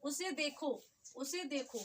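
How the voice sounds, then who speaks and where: A woman teacher, explaining short sentences step by step and repeating each phrase slowly. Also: high-pitched, fairly bright tone, a little hiss or hum. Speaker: English teacher. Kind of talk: spoken English lesson.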